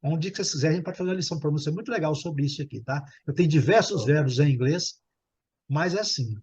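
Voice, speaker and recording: A middle-aged Brazilian man with a Brazilian Portuguese accent, teaching a group English lesson and repeating English words slowly for his students. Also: on the high side, darkish tone, husky, dull audio.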